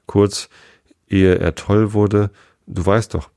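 A man's voice: lowish voice, fairly even intonation, slow, creaky, dark tone, no echo, clean studio sound. A man voicing a sad, fussy Hatter at a tea party, speaking with sighs. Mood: sorrowful. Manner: sighing, sorrowful.

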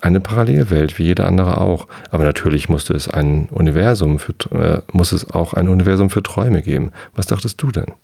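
Man playing a bitter male nightmare gnome, condescending, husky and dry, bedtime story reading. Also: low-pitched, a little fast, hardly any pauses, dark tone, no room sound. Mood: lecturing. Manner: lecturing, sighing, condescending.

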